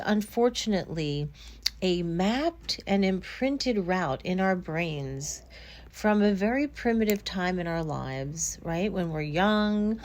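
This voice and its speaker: In a reflective podcast talk, a middle-aged woman who works as a therapist calmly explains self-blame using everyday examples. Her voice sits in the mid range.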